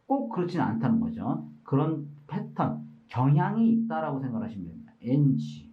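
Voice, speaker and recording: A man teaching from his workbook, patiently explaining step by step and sometimes reading sounds out slowly. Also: medium pitch, sing-song. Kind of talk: explanatory lesson walkthrough. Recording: slightly muffled lo-fi audio.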